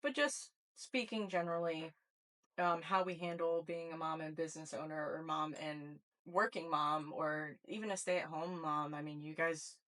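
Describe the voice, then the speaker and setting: A woman's voice: sits low, steady tone, normal speed, fairly bright tone. A woman in her thirties co-hosting a casual podcast, laughing often and explaining at length. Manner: laughs often, talks things through in long stretches. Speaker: podcast co-host. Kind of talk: casual chat.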